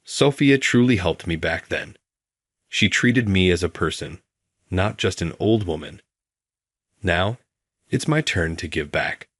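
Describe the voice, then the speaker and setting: A man voicing a kind, humble older woman who speaks softly in a story. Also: deep voice, lively intonation, unhurried, long pauses, breathy edge, no room sound, studio quality, heavily acted. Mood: gentle. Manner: soft, gentle speech.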